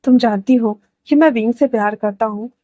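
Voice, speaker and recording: A woman's voice: on the high side, normal speed, no echo, lo-fi sound, lightly acted. Woman voicing an earnest, devoted young man. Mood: firm. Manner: earnest, heartfelt.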